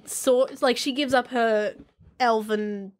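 A woman's voice: a little high, fairly even intonation, slow. A woman co-hosting a podcast, chatting enthusiastically about a book, with casual swearing. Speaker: podcast co-host. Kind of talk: casual book club chat.

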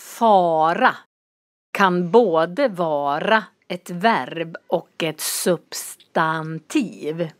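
A woman with a somewhat low voice gives a vocabulary lesson, saying each word form slowly and distinctly so learners can follow. Her voice is recorded close up in a dry room with no echo. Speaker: language teacher. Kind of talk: slow, clearly articulated vocabulary lesson.

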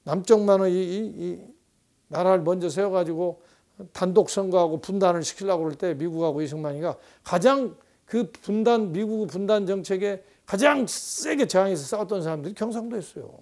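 A man's voice: high-pitched, moderate pace, a little mellow. A man in his sixties, a professor, giving a rambling conversational lecture on politics with frequent rhetorical asides.

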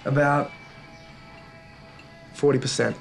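A blunt surf coach. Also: male voice, mid-range voice, steady tone, slow pace, gravelly, faint music behind. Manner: blunt, easygoing coaching talk. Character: laid-back former pro surfer, male coach. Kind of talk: TV teen drama acting. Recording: outdoor noise with surf.

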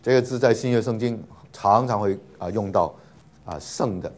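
A man's voice: lowish voice, moderate pace, slight background noise. Patient man teaching with many fillers. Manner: patient, many filler 'ah' sounds, repeats words for students. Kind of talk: classroom lecture.

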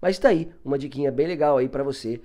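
A man's voice: medium pitch, fast, dark tone. A man with a Brazilian Portuguese accent, an upbeat, chatty English teacher walking viewers through a language app in an online lesson.

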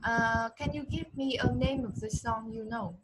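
A Vietnamese woman with a Vietnamese accent teaches English over a video call, mixing English and Vietnamese. She speaks slowly in a fairly high voice and patiently coaches pronunciation line by line. Loud background noise runs under the call. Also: steady tone.

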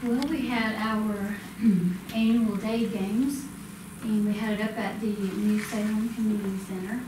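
A woman's voice: mid-range voice, fairly even intonation, unhurried. A middle-aged woman giving a casual, um-filled report to a school board. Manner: conversational, with many ums. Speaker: school department presenter. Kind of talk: informal report at a public meeting. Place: school board meeting room. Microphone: distant room mic, standing speaker. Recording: echoey room from far off, noisy.

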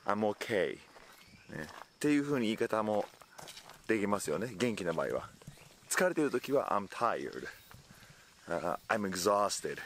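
Lively low-voiced man teaching outdoors. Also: slight background noise. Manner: animated, switches into sample English phrases. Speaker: English teacher on a video channel. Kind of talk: casual spoken lesson. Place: outdoors in hot weather.

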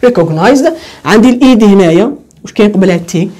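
Algerian woman tutor, quick delivery, drills points by repeating words, self-answering questions. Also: mid-range voice, warm tone. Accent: Algerian Arabic. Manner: asks questions and answers them herself, repeating key words. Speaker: English tutor. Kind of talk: online lesson.

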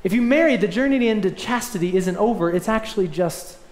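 A young man delivers a sermon from a lectern, earnest and emphatic, pressing his points with rising swells. His voice sits fairly high for a man. The sound rings around a roomy church sanctuary. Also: expressive, fairly quick. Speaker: pastor. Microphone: lectern mic. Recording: echoey church room.

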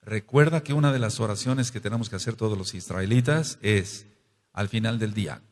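A man with a Mexican accent teaching a scripture study, who explains and exhorts in short phrases with quick asides. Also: lowish voice. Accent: Mexican Spanish. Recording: long reverb.

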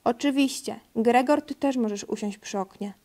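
A woman's voice: a little high, moderate pace, mellow. A woman reading a sensible mummy pig. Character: practical sensible mother pig.

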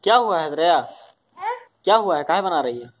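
A man's voice: fairly high pitch, animated, a little fast. A man with a Chhattisgarhi Hindi accent playing at home with his small daughter, teasing her in a casual, playful way. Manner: teasing, with mock cries of pain. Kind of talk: casual playful talk with a toddler.

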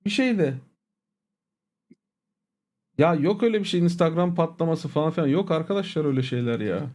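Man, streamer, high voice, casual livestream rant, blunt, profane, irritated. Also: animated, fairly quick, darkish tone. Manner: addresses viewers familiarly as "abi" and "agalar".

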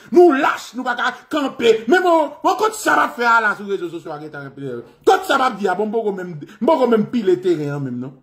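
Fiery high-voiced Haitian man ranting. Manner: fiery, repetitive, shouting at times, swearing. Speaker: political activist and radio host. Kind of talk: impassioned political monologue.

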